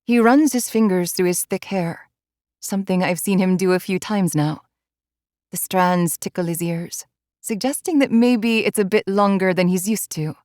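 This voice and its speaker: A woman narrating a first-person audiobook in a measured, inward storytelling manner. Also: medium pitch, darkish tone, dry recording, clean studio sound.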